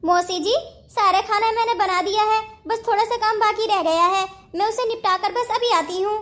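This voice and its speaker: A woman voicing a gentle, devoted young wife in a cartoon family story, speaking politely and respectfully. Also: very high voice, normal speed.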